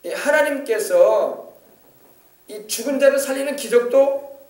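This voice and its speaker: A man's voice: extremely high pitch, a little slow, reverberant, far from the mic. A male pastor preaching a sermon with emphasis, often asking the congregation to confirm. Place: church sanctuary.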